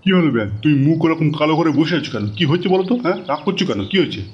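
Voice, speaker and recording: A man's voice: fairly high pitch, expressive, very fast, lo-fi sound, close to an everyday voice. A man playing a brash, pushy middle-aged man in a comic audio drama, hot-tempered and full of threats. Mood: blustering. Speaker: the daughter-in-law's father, a co-in-law.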